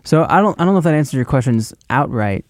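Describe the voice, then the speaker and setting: A man's voice: medium pitch, lively intonation, fast talker, dry recording. A man hosting a podcast, speaking earnestly in casual chat and laughing easily. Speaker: podcast host.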